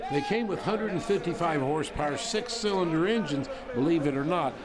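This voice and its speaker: A man's voice: fairly high pitch, a little fast. A man hosting an auction broadcast with presenter-style commentary. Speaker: auction show host.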